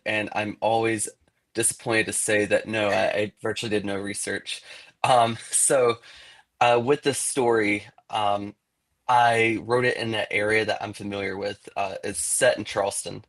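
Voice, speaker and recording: A man's voice: on the low side, steady tone, normal speed, fairly bright tone. A man, an author, talking casually in an interview about his book, rambling with many fillers.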